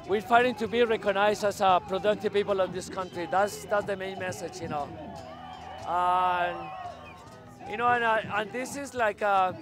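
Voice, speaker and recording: A Colombian-born man with a strikingly high voice talks earnestly at an outdoor march, pausing often on fillers. Faint music plays behind him. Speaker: activist at a rally. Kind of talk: street interview.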